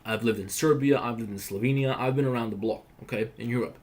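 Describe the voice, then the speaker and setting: A man's voice: medium pitch, fast talker. A young man from Croatia hosting a casual livestream, talking bluntly and profanely as he tells stories. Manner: profane, blunt, animated storytelling. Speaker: livestream host.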